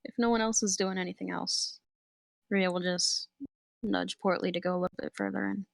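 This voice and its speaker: A woman's voice: lowish voice, steady tone, normal speed, creaky, no room sound. A woman chatting casually as a player at a tabletop game.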